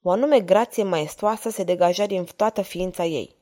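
Mellow-voiced woman reading a novel aloud. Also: on the low side. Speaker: audiobook narrator. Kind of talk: scripted narration of a historical novel.

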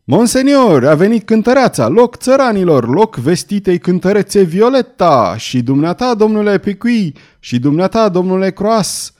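A man's voice: sits high, big pitch swings, few pauses, a little mellow, pitched above the performer's own voice. A man voicing a cruel, gloating male troupe leader who hisses and bellows, in a read-aloud story. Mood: bellowing. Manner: hissing through teeth, then bellowing.

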